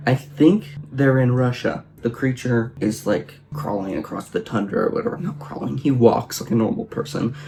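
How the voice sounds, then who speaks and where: A man's voice: medium pitch, normal speed, vocal fry, dark tone. A man giving a casual book recap, sarcastic and profane, using "like" a lot. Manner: sarcastic, profane, heavy use of "like". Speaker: book reviewer.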